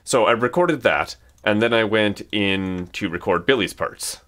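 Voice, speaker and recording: Man, casual commentary, low but bright, hesitant and rambling. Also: unhurried, slight background noise. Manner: rambling, hesitant, many restarts. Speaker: music creator.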